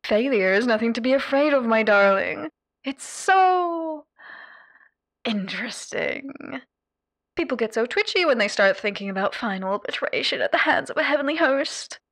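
A woman playing Alastor as a sadistic, theatrical female radio demon in an ASMR roleplay, mocking the listener in a showy, drawn-out way. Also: fairly high pitch, expressive, a bit bright, dry recording, clean studio sound. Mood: slow menace. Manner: mocking, showy, drawn-out delivery with whispered asides and pet names.

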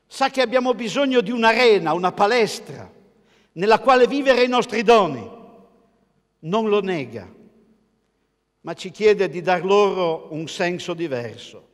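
An older male pastor with an Italian accent, preaching a sermon from a church pulpit in a measured, emphatic way, posing rhetorical questions to the congregation. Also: high voice, animated. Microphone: pulpit mic, filmed by a camera across the church. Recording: long church reverb.

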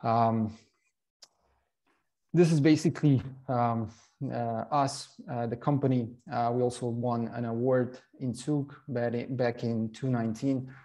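Gravelly-voiced man presenting over a call. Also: mid-range voice, steady tone, warm tone. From Slovenia. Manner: halting, many fillers and restarts. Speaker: startup CEO presenting. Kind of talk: online conference presentation. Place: home office with bookshelves. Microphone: video call.

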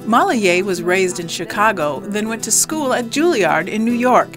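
A woman reporter narrating a TV news feature with a clear, even delivery. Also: medium pitch, normal speed, music in the background.

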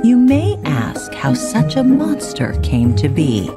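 A low, slow, wry storyteller. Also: female voice, huge pitch swings, heavily acted. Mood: calm ominous. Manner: measured, ominous storytelling. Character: calm, wry woman narrating the neighborhood. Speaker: series narrator. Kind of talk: scripted TV drama narration. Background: loud score music.

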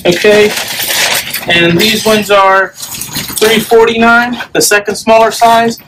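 A man's voice: high-pitched, flat delivery, takes it slowly, noisy background. A male store clerk giving prices in a helpful, matter-of-fact way, recorded in a store. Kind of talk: casual answers to questions. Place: indoor discount store.

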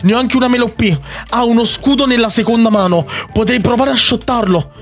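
A high-voiced young man narrates his game with excitable energy. He fires off the same words over and over and teases his rival. Faint music plays beneath his voice. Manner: excitable, rapid repetitions, teasing opponent. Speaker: Minecraft YouTuber. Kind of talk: gameplay commentary.

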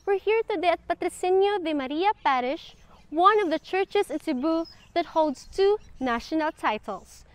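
A woman's voice: extremely high pitch, expressive, normal speed. A woman, hosting and presenting a memorized script with cheerful energy, on a lapel mic at an old stone church. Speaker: program host.

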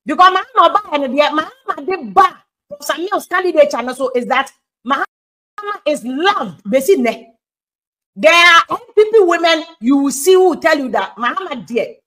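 A Ghanaian woman giving political commentary on a talk show, animated, mixing English with Twi. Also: sits high, moderate pace, a little hiss or hum, rough recording.

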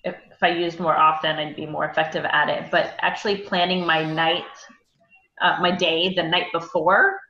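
A woman's voice: sits low, level tone, moderate pace, bright, forceful tone, roomy sound, highs cut off. A woman on a team video call, casual and joking.

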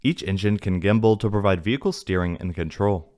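A man narrating a technical script in an even, read-aloud manner. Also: deep voice, brisk. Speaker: narrator of a space news channel. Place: voice-over, not in the pictured places.

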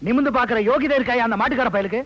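An actor playing a scornful, hot-tempered village man who sneers and mocks. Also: very high-pitched. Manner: mocking and fast. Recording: dull film soundtrack under loud music.

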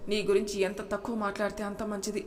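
A woman's voice: medium pitch, monotone, fast talker, a little mellow, natural voice. A woman voicing an angry, hurt young husband in a storybook reading, with scolding speech in an echoing room. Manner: scolding, bitter. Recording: reverberant room with faint noise.

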